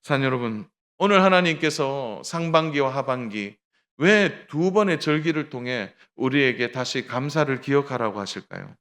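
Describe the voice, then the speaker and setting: Middle-aged male pastor, sermon delivery, animated pitch, acts out the dialogue in his stories. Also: normal speed. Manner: tells a story with acted dialogue, addresses the congregation directly.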